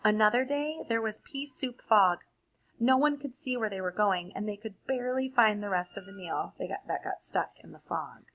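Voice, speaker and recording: Reading a storybook aloud to children, a woman sounds like a teacher, pausing to explain things to her young audience. Her medium-pitched voice is expressive and fairly bright, though the recording is lo-fi.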